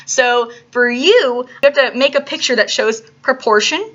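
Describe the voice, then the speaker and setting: Woman, art teacher, video lesson for kids, bright voice, coaxing, lo-fi recording. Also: fairly high pitch, moderate pace. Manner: upbeat, coaxing, full of "all right?" and "uh" fillers.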